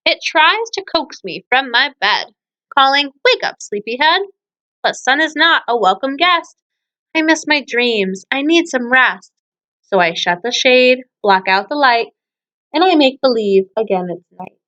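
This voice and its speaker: This teacher reads poems to children and explains things, putting frequent questions to her young listeners. Her high-pitched voice has a sharp tone and lively intonation, she speaks unhurriedly, and the sound is lo-fi.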